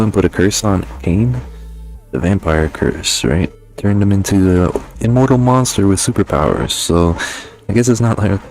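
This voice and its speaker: A man hosting a game review channel covers a video game in a low, slightly mellow voice. It's an informal, slang-heavy, conversational delivery from start to finish, set against a faint music bed.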